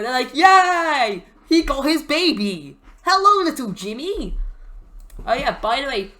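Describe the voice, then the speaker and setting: Brief: young woman, casual rambling let's-play host, bright and forward. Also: mid-range voice. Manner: rambling, chatty, lots of fillers. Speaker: gaming channel host.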